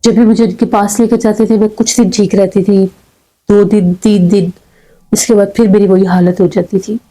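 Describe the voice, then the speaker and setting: A woman telling a frightening first-person story in a calm, measured way, with dramatic pauses. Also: medium pitch, low-quality recording. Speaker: horror story narrator.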